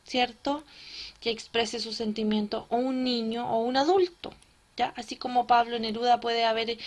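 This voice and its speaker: Slow, high-voiced woman teacher. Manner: explains step by step, checks understanding with frequent tag questions. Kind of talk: recorded classroom lesson.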